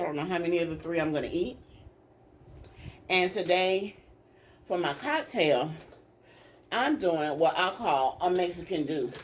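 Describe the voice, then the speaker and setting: A woman's voice: lowish voice, a little hiss or hum. A woman hosting her own eating video, chatting casually and directly to her viewers. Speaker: mukbang vlogger. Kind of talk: casual chat to camera.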